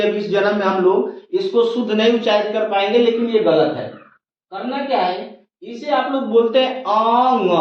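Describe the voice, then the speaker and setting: A man teaching Hindi pronunciation as a classroom lecture, patiently repeating sounds and asking questions he then answers himself. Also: high-pitched. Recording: echoey room, distant lo-fi mic.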